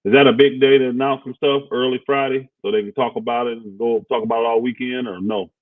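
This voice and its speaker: A man's voice: mid-range voice, fairly even intonation, fast, no echo. A man co-hosting a casual basketball talk stream, laid-back and rambling, thinking aloud with lots of fillers. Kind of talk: casual sports talk livestream. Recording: dry, phone-like audio.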